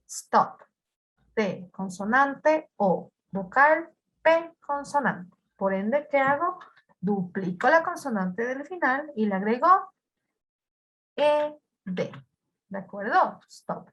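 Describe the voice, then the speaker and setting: A woman's voice: sits high, a bit bright. A woman teaching an English grammar lesson, patiently repeating words and quizzing her students.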